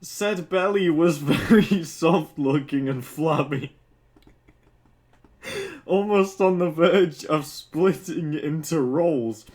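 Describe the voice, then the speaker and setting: Here a drunk man with a slightly high, somewhat mellow voice reads and comments on fan fiction. It's casual and funny, full of fumbled words and cursing asides that ridicule what he's reading.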